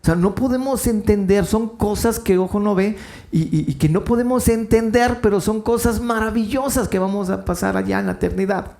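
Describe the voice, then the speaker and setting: Animated high-voiced pastor preaching. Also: male voice, fairly quick, vocal fry. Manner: animated storytelling, acting out quoted voices with big pitch swings. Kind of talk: sermon.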